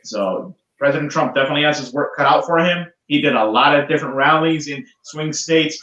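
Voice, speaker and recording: A man's voice: on the high side, brisk, pushed and bright. A man calling in to a podcast over a poor remote microphone that makes him sound like he is talking through a tin can, easygoing and joking, shifting into mock news-anchor commentary. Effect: tinny tin-can sound from a poor remote microphone. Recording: echoey, dull lo-fi remote mic.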